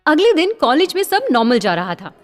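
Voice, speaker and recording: A woman narrating a scripted audio story in a smooth storytelling delivery. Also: high-pitched, very animated, brisk, soft background music.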